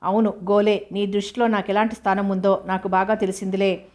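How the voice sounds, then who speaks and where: A woman voicing a young orphaned woman who speaks with sharp, indignant questions, in a narrow flat tone. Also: medium pitch, fairly quick, lightly acted.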